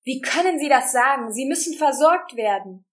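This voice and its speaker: A woman's voice: high voice, expressive, normal speed, voice pushed up. A woman reading a storybook who voices a desperate young woman begging for help in a frantic, pleading voice.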